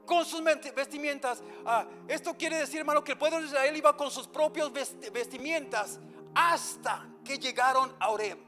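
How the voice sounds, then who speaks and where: High-voiced pastor preaching in a hall. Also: male voice, normal speed, bright, forceful tone. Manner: earnest preaching, often adds "hermanos" and "¿verdad?". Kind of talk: sermon, Bible study. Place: church. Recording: church hall reverb with faint music.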